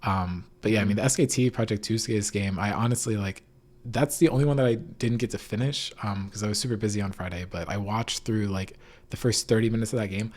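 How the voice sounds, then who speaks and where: This man's fairly low, slightly mellow voice moves fairly quickly as he hosts an informal esports recap podcast, hedging his points. Recorded in an empty room at home, the audio is echoey and reverberant.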